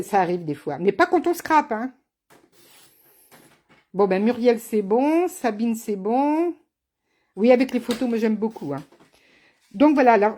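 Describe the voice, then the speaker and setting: A woman's voice: a little high, dark tone. A woman running a live card-making tutorial as a craft demonstrator, chatty and teasing, speaking to viewers by name. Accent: has an accent, not named.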